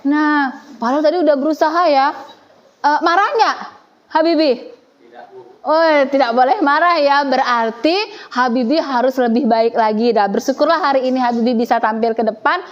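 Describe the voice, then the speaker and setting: A woman teacher leading a classroom, questioning and gently teasing her students as she runs the lesson. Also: sits high, moderate pace, lo-fi sound. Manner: playful, teasing, coaxing students.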